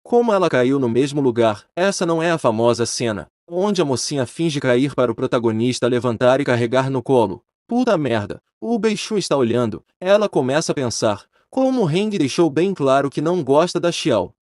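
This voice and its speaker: A man's voice: moderate pace, few pauses, dry recording, studio quality. A man narrating a manhwa recap casually, with slangy asides, voicing the characters' lines himself. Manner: casual, slangy, comments on the plot; lively, pitches up for characters' lines.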